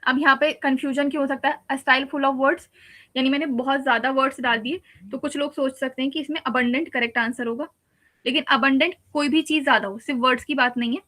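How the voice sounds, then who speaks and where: A woman's voice: sits high, fairly even intonation, fast, bright, forceful tone. A woman teacher giving a patient exam-prep lecture, explaining step by step with repeated examples. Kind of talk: exam-prep lecture mixing Hindi and English.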